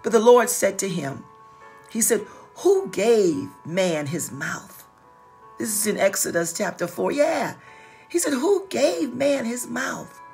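A mid-range, slow, sing-song voice with creak, a darkish tone and a slightly rough edge belongs to a middle-aged woman preaching informally. Soft music underlies her livestreamed sermon from a small wood-paneled office, where she repeats phrases for emphasis and stutters slightly.

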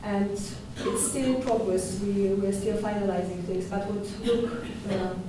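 Young woman, curator, conference talk, flat delivery, hesitant restarts, roomy hall reverb, audible background hiss. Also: mid-range voice. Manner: measured, thoughtful, with hesitations and restarts. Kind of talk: conference presentation. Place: dark lecture hall at a podium. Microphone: podium microphone. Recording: echoey hall from far off.

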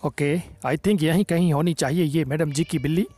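A young man talks through a game as host, excited and teasing, throwing playful taunts at the on-screen villain. His voice sits a little high, with light music playing underneath. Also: moderate pace. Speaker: gaming channel host. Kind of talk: gameplay commentary.

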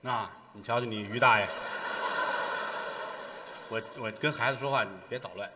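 A middle-aged man performing stage crosstalk, lecturing in a mock-earnest way and bursting into shouts. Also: mid-range voice, measured pace. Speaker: lead crosstalk comedian and master. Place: theater stage. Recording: long hall reverb.

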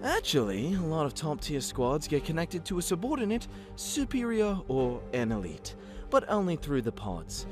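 In a fan comic dub, a man voices a chatty, slightly smug killer robot with theatrical, scheming politeness, sounding smug and explanatory. His voice is a little high with huge pitch swings and a moderate pace. Music plays behind him.

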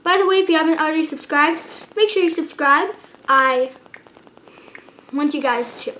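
Giggly and self-conscious, a young woman chats casually in a reaction vlog about her own old singing cover, breaking into mocking bits of song. She has a high, sharp voice at normal speed, and the low-quality recording carries a little hiss or hum.

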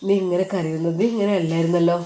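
A woman's voice: on the low side, fairly even intonation, warm tone, a little hiss or hum, close to an everyday voice. A woman voicing a worried young male friend who scolds and coaxes. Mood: worried coaxing. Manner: scolding, coaxing, brisk.

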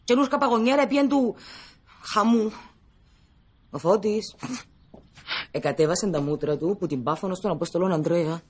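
An actress playing a chatty, stubborn Cypriot wife in a sitcom, speaking Cypriot Greek with animated, whiny complaints. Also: female voice, fairly low pitch, pauses often, slight background noise, lightly acted. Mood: gossiping. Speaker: Christina, comic wife in a sitcom.

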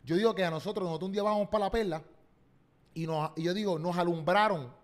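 Puerto rican comedian guy rattling off stories quick, acting out quotes, kinda high voice. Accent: Puerto Rican Spanish. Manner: animated, slangy storytelling, acts out quotes. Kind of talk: casual podcast chat.

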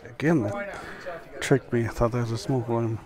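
A middle-aged man vlogging to his phone camera at an outdoor auction, talking in a wry, low-key way. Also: moderate pace. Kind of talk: casual commentary to camera. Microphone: phone camera held close. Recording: crowd noise outdoors. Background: auction crowd chatter.

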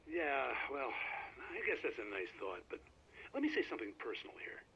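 A man's voice: mid-range voice, very animated, moderate pace, bright, forceful tone, a little hiss or hum. An actor playing a chatty, folksy male radio host in a game, talking to his listeners. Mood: wistful. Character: male late-night small-town radio host. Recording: slightly dull game radio audio.

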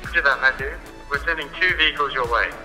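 A man voicing a steady traffic dispatcher, heard over a two-way radio and keeping to clipped radio protocol. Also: a little high, fast talker, big-room sound, loud music behind the voice. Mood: businesslike.

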